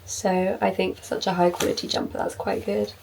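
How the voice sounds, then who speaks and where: A young woman chatting casually in a vlog, upbeat and full of fillers like "like", her voice a little hoarse. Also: medium pitch, little pitch movement, fairly quick, recorded from a distance, noisy background. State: slightly hoarse. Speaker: vlogger.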